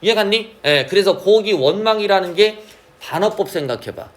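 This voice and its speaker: Lively high-voiced male teacher. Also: moderate pace. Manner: asks frequent check questions, drawls key terms. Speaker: Korean literature teacher. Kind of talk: classroom lecture.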